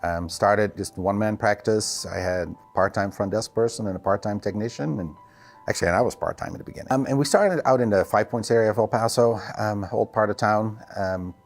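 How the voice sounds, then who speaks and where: Speaking fairly quickly in a lower register, a middle-aged physical therapist and clinic owner from the Netherlands answers interview questions in a relaxed way. He is a native Dutch speaker with a Dutch accent, and faint music can be heard behind him.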